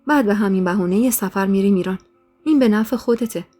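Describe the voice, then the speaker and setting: A woman's voice: medium pitch, warm tone, close to an everyday voice. Evasive young husband pleading his case, read by a woman in her own voice, faint music behind. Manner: placating, pleading.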